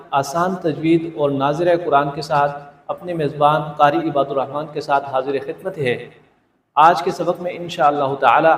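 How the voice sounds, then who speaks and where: A man teaching Quran recitation, patiently explaining how to pronounce letters and repeating each sound aloud. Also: fairly high pitch. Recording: echoey room with long reverb.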